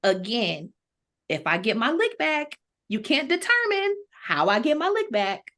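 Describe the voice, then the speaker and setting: Measured in pace and a bit bright, this woman's slightly high voice has a sing-song lilt. She's a podcast panelist from Toledo in the United States, speaking casually with strong opinions, slang and profanity.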